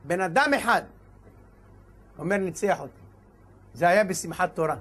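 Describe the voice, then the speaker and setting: Man rabbi, very high voice, animated sermon storyteller who acts out his characters. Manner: animated storyteller acting out dialogue and shouts. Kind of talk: sermon with told stories.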